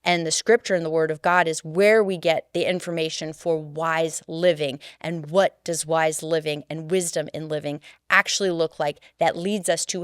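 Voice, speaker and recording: A middle-aged woman co-hosts a casual podcast chat, speaking earnestly in a smooth, resonant, slightly low voice that grows animated when she tells a story. A studio mic captures her close and dry, with no echo.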